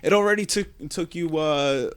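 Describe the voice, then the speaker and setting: A man's voice: on the high side, normal speed, clear, resonant tone. A man co-hosting a casual podcast, cracking crude jokes and quips. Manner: joking, throws in crude quips. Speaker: podcast co-host.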